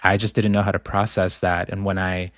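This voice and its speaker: A man from Ecuador, raised in Boston, talks in a calm, reflective way with many ums. His voice is on the low side. The sound is dry, with no room at all. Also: brisk, no echo. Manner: calm, thoughtful, with frequent ums. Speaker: author guest. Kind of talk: reflective interview talk.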